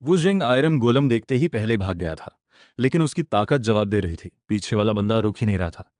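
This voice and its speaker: Man narrating an animated story recap. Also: on the low side, a little fast, no room sound, studio quality. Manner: dramatic recap narration, voicing all characters himself.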